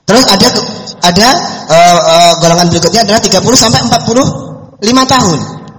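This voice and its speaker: A man's voice: high voice, quick pace, fairly bright tone. A middle-aged man, giving a folksy, conversational religious study talk as a preacher answering questions. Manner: conversational and folksy, mixing in anecdotes. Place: mosque hall. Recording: echoey mosque hall reverb.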